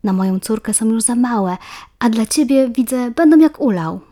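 A woman voicing a kind, caring female teacher who gently coaxes a pupil. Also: fairly high pitch, lively intonation, normal speed. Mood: coaxing. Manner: warm, coaxing.

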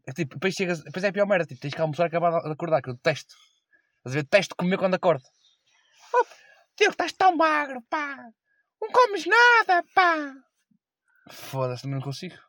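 A man's voice: a little high, rapid-fire, no room sound, clean studio sound. A young man with a European Portuguese accent in a casual podcast chat with friends, slangy and full of swearing. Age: young adult. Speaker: podcast co-host.

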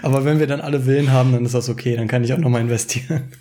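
A man's voice: medium pitch, fairly even intonation, rapid-fire, warm tone. A man chatting casually on a podcast, laid-back and self-mocking, laughing often, his voice distorted by an overdriven, clipping microphone. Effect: clipping, distorted overdriven mic. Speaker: podcast co-host. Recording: home podcast mic, overdriven.

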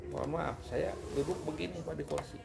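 A middle-aged man appearing as an interview guest emotionally recounts a personal story, his animated retelling building into rising outbursts. His voice is fairly high and creaky, his pace brisk, and the background noisy.

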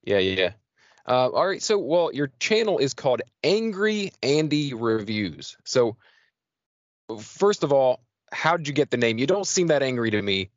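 Man, podcast host, rambling, self-deprecating, casual chat, mid-pitched voice, very dry sound. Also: big pitch swings, normal speed, dry recording, muffled recording.

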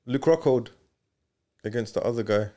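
A man's voice: medium pitch, moderate pace, mellow. A man with an East London street accent, bantering casually as a podcast host in slangy roadman style. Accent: East London, multicultural street London. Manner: slangy, roadman-style talk with bro, bruv, innit.

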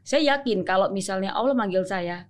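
A woman guest earnestly recounting a hard personal story in an interview, with frequent fillers. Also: medium pitch. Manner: fast, earnest, often pausing on fillers.

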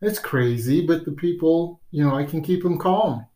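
A man's voice: fairly high pitch, animated, normal speed, warm tone. A man co-hosting a podcast in casual chat, rambling and joking, often trailing off mid-sentence. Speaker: podcast co-host.

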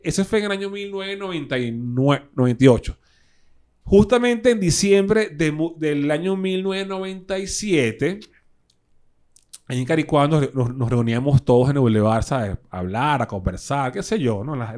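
A man with a Caracas Venezuelan accent, a guest musician telling stories in animated, slangy casual chat with lots of fillers. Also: a little high, normal speed. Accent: Venezuelan Spanish (Caracas).

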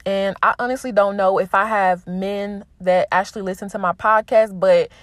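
A young woman hosts her own podcast in a candid solo monologue. She talks bluntly and swears freely while urging listeners to keep going. Her voice sits at an ordinary pitch in a dry, close recording. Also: fairly even intonation, normal speed, fairly bright tone, dry recording. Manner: candid and profane, motivational. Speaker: podcast host.

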